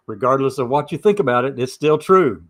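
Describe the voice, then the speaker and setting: A man's voice: mid-range voice, lively intonation, moderate pace. Emphatic man giving informal opinion commentary. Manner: emphatic, repeats points for stress. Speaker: host of a commentary show.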